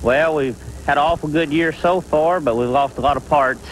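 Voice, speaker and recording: A man's voice: fairly high pitch, moderate pace, slight background noise, low-quality recording. A man from Kentucky, a tractor pull competitor, answering questions in an informal interview. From Kentucky, United States.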